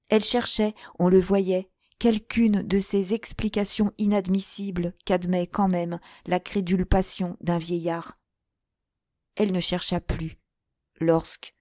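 A woman narrating a classic novel as an audiobook, measured and expressive. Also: lowish voice, no echo, clean studio sound. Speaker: audiobook reader.

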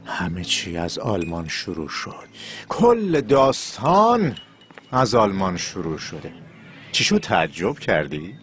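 A sly secret-teller. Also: male voice, sits low, sing-song, a bit bright, soft background music. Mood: teasing. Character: sly man slowly revealing a family secret. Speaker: dubbing actor in a series. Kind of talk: dubbed TV drama dialogue.

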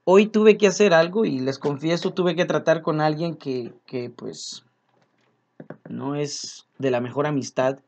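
A man's voice: on the high side, unhurried, darkish tone. A man preaching a sermon, earnest and repeating his key phrases as he speaks to his congregation as brothers.

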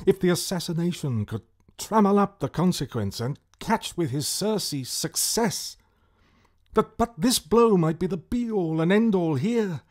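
A man's voice: fairly high pitch, darkish tone. An actor playing Macbeth, a tormented nobleman turned murderer, declaiming Shakespearean verse in a classical radio drama. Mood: brooding, conflicted. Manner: brooding, theatrical declamation.

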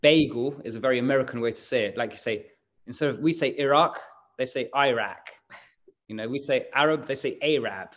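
An English bakery managing director talks casually in an interview, explaining things in a rambling way with lots of fillers. His mid-range voice is steady and rapid-fire, captured with lo-fi sound.

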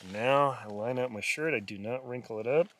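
Fairly quick and fairly bright in tone, with medium pitch, this middle-aged man is a solo winter camping vlogger. He gives homespun, casual instructions as he works with gear, filmed on a camera inside a small tent.

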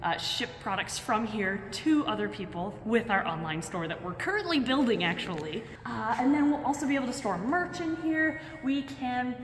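A young woman hosting a casual vlog tour in an animated, excited way, speaking in an echoey empty building. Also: on the high side, moderate pace, hardly any pauses. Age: young adult. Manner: animated, excited, projecting on camera. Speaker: host giving a building tour. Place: large empty indoor warehouse and bare rooms. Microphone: camera mic at a short distance. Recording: echoey empty warehouse and rooms, noise.

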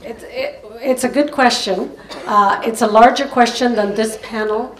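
An older woman moderates a panel discussion from an auditorium stage, talking loosely and circling back on her phrases. Her voice sits a little high. It carries an echo from the hall and sounds distant from the mic. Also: measured pace. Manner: informal, restarts sentences while wrapping up. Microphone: handheld mic. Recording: echoey hall, heard from a distance.

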